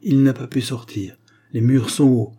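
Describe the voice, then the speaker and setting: A man's voice: mid-range voice, steady tone, normal speed, warm tone, husky, voice pushed up, lightly acted. A man voicing a dutiful young prison sentry who reports to his superiors.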